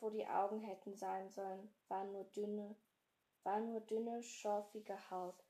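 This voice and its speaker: A woman reading a fantasy novel aloud in a slow, hushed storytelling manner. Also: medium pitch. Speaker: podcast host reading aloud. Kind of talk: slow dramatic read-aloud.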